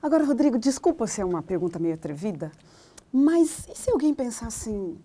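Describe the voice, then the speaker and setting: Dark-toned woman hosting an interview. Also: on the high side, big pitch swings, a little fast. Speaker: interview host. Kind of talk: conversational interview.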